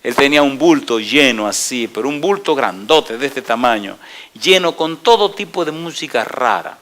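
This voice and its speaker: Man, middle-aged pastor, sermon, bright forceful voice, questions the congregation. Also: medium pitch, moderate pace. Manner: asks the congregation repeated yes-or-no questions; animated storytelling, swinging between loud and quiet.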